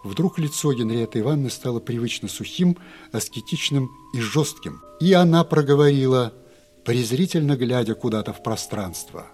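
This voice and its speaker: A man reading an audiobook in a wry, expressive narrating voice. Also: medium pitch, normal speed, faint music behind. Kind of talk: scripted narration.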